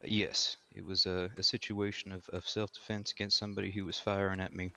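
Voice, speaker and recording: A man playing an armed frontier woodsman giving careful, formally worded, halting testimony in a courtroom role-play. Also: low-pitched, level tone, gravelly, bright, forceful tone, heavily acted. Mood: measured, careful.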